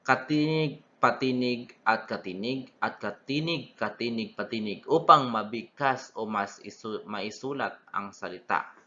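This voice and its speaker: A young man teaching a lesson at an unhurried, slow pace, his voice bright and forward. He lays out terms deliberately, repeating them and correcting himself mid-word. The recording is dull and lo-fi. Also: mid-range voice, slight background noise. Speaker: student teacher.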